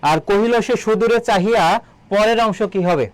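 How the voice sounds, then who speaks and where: A high-pitched man leads an online exam-prep lesson. He asks questions, supplies the answers himself and slowly repeats key terms. The sound is dry and close. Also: no room sound. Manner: quizzes students, then answers his own questions. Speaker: admission exam tutor.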